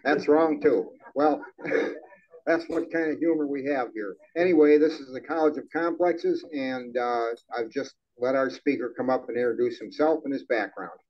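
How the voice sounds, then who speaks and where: A man's voice: mid-range voice, normal speed. An older man making rambling, wry club announcements at a microphone in a small meeting hall. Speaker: event host announcer. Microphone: handheld microphone on stand. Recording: dull lo-fi sound.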